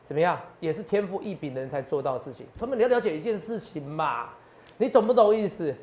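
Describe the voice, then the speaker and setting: A man's voice: fairly high pitch, lively intonation, fast talker, darkish tone. A man, working as a stock market analyst and giving boastful finance talk show commentary full of rhetorical questions.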